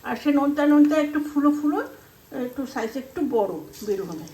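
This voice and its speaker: Cooking at home, this middle-aged woman with a Bengali Indian accent rambles through stories and plays out old conversations in dialogue. Her high, warm voice has lively intonation at a moderate pace, recorded in an echoey room with some noise behind her.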